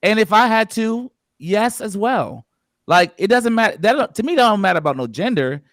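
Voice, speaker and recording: A man's voice: high voice, animated, moderate pace, a bit bright, no room sound, clean studio sound. A man hosting a podcast, speaking emphatically and bluntly in casual discussion, pushing his point with repetition. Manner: emphatic, insistent, drives to wrap up. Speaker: podcast host.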